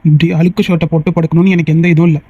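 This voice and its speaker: A voice actor dubbing a teasing, easily annoyed young man in a cartoon, talking in fast, bickering banter. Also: medium pitch, level tone, warm tone, breathy edge, lo-fi sound, lightly acted. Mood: exasperated. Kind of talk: cartoon voice dub.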